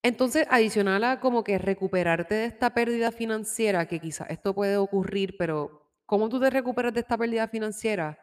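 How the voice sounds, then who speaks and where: A woman giving a casual tarot reading, chatty and warm in tone, slipping English words into her talk and laughing easily. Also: medium pitch, fairly quick, big-room sound. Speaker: tarot reader. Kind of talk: casual spiritual guidance talk. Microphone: microphone with headphones.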